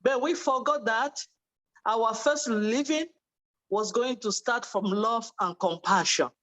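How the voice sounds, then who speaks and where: On a low-quality video call recording, a woman from Cameroon taking part in a webinar gives a fervent testimonial, thanking others and urging them to join. She speaks slowly in a slightly high, fairly bright voice.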